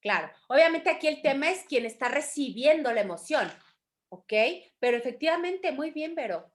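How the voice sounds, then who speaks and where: A woman with a Mexican accent teaching a spiritual study course, talking in an animated way and addressing her students fondly. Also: high voice, normal speed. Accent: Mexican Spanish. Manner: animated, acts out quoted voices, calls students affectionately. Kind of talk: teaching a course in an online group class.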